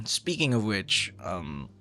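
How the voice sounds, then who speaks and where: Heavily acted and slow, this low-leaning man's voice swoops wildly in pitch and has a fairly bright tone. He plays a shy, dorky young man in an ASMR boyfriend roleplay who is smitten with a stranger, nervous yet hopeful. He stammers bashfully and awkwardly, with breathy laughs and sighs.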